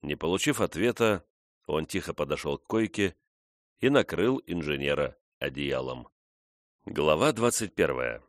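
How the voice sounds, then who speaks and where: Man narrating an audiobook, deep voice, dry close sound. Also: expressive, a little slow, dry recording. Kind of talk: scripted narration.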